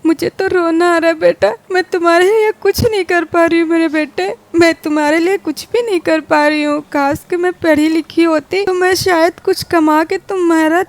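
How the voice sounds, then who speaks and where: A woman voicing a poor, devoted single mother who talks softly and pleads through tears, as a GTA role-play voiceover. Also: sits high, fairly even intonation, moderate pace, hardly any pauses. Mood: tearful. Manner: soft, pleading, emotional.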